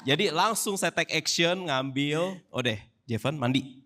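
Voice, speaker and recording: A man's voice: on the high side, measured pace, bright, forceful tone. A man in his thirties with an Indonesian accent, telling a family story at church in an easygoing, humorous way and acting out the dialogue. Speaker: church speaker sharing testimony with his wife. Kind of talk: casual testimony in a church service.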